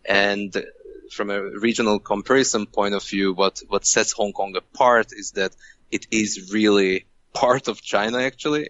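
A man from Hungary, a guest on a podcast interview, speaking in a measured way with many fillers and restarts. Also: on the low side, fairly bright tone, no echo, dull audio. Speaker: guest, venture co-founder.

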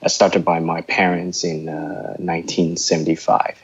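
This startup co-founder, a Hong Kong man whose English has a slight American accent, chats casually as an interview guest, stumbling through plenty of fillers and false starts. He has a deep, breathy-edged voice that stays fairly flat in pitch at a normal speed. The audio has its high frequencies cut off.

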